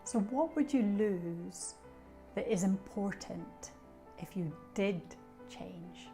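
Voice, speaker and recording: Soft music plays behind a warm, slow, mid-range voice. The speaker, a Scottish coach in middle age who is also an association treasurer, reflectively introduces herself and shares tips, with fillers along the way.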